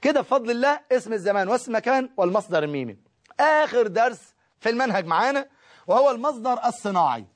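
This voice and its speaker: A man with an Egyptian Arabic accent teaching a recorded grammar lesson, lively, asking questions and answering them himself. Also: very high voice, quick pace.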